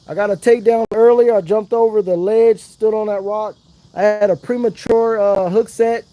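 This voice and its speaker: A man's voice: high-pitched, fairly even intonation, moderate pace, warm tone, dry recording. A man chatting casually on a fishing livestream outdoors, hyping up his viewers. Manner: chatty, hypes up viewers, Southern slang. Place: outdoors by the water.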